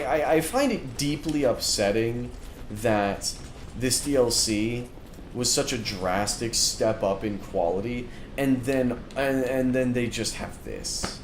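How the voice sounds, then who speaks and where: A man streaming a game, giving live let's-play commentary in an exasperated rant, with frequent restarts. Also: mid-range voice. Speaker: gaming streamer. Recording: echoey room with background noise.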